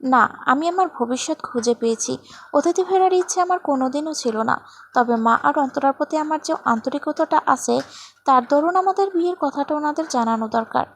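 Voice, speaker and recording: A woman reading a story voices a calm young woman who speaks softly and reasons with measured firmness. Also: sits high.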